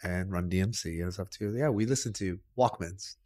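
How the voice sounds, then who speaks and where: A man's voice: low-pitched, normal speed, darkish tone. A middle-aged man hosting a podcast, speaking in an opinionated, casual way with many restarts. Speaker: podcast host.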